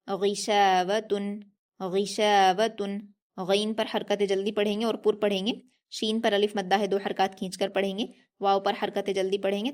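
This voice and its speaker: A woman teaching Quran recitation rules, drawing out syllables slowly and repeating each word patiently. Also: medium pitch. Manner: slow drawn-out syllables, patient repetition; steady instructional tone. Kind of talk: recorded tajweed lesson.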